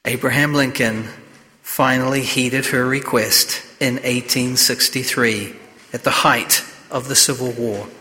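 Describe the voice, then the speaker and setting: A man with a bright, forceful voice reads scripture and preaches in a measured, solemn way. Each phrase trails off into the long cathedral echo of a large church. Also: mid-range voice, fairly even intonation. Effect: cathedral echo, long church reverb. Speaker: clergyman. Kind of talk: Gospel reading and homily at Mass.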